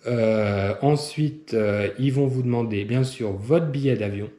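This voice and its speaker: Hesitant man, mellow and roomy. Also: medium pitch, unhurried. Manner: hesitant, many filler sounds, step-by-step advice. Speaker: travel vlogger. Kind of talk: casual explanatory travel guide. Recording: roomy echo.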